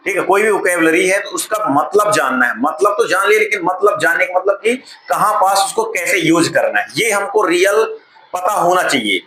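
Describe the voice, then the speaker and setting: A man teaches a classroom lesson, asking questions and answering them himself while drawing out key words. His voice is bright and sits a little high. The room is echoey, with faint noise behind him. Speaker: spoken English teacher.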